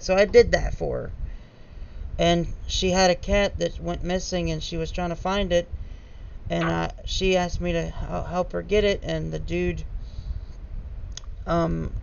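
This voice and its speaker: A man with a high, gravelly voice hosts a casual podcast and tells rambling stories full of fillers and restarts. His voice comes through a dull lo-fi mic with a faint hiss. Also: a little mellow. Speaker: host.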